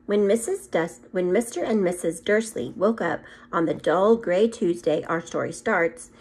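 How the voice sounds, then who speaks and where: A middle-aged second grade teacher reads a children's story aloud to her pupils, acting it out with animation and slipping in short asides. Her lowish, husky voice is captured poorly by a phone or tablet propped at arm's length in a small room at home.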